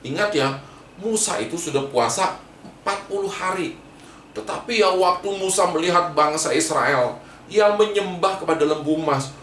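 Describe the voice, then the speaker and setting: A man's voice: high voice, fairly bright tone, a little hiss or hum. A man, a pastor, telling a Bible story to children, asking them questions and repeating points for emphasis. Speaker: pastor teaching Sunday school. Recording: echoey room, mic far off.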